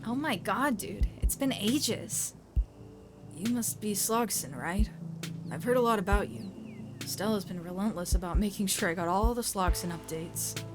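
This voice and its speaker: A woman's voice: mid-range voice, moderate pace, over music, close to an everyday voice. A woman reading the lines of a friendly, easygoing young man in a story game.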